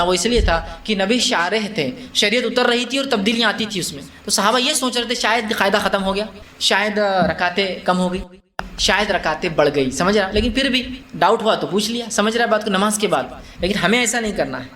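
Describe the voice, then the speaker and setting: Guy preaching a religious talk, pretty high voice, chatty, keeps asking the crowd stuff. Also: pushed and bright. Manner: conversational, asks the audience questions, mixes in English words; acts out quotes with laughter. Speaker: Islamic preacher. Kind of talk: religious lecture to a live gathering.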